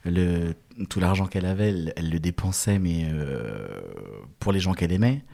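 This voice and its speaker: Lowish-voiced man, a laughing podcast guest. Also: expressive, moderate pace, vocal fry, mellow. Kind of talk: casual podcast chat.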